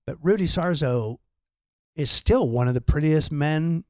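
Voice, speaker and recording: A man's voice: a little high, lively intonation, measured pace, a little mellow, no echo. A man co-hosting a podcast, chatting casually and telling jokey, wandering stories. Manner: jokey, tangential storytelling. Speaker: podcast co-host and comedian. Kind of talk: casual chat.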